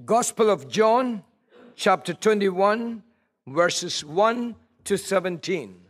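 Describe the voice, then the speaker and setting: A man with a high voice reads scripture at a pulpit microphone. Each phrase comes slowly and deliberately, in a reverent tone. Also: lively intonation, a bit bright. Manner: slow, deliberate, reverent reading. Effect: speaking at a pulpit microphone. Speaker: scripture reader. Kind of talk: formal scripture reading.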